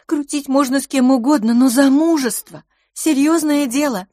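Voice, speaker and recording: A woman reading an audiobook, voicing a glamorous, bubbly young woman in a high, lilting, playful voice. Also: moderate pace, warm tone, no room sound, studio quality, natural voice. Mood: coquettish.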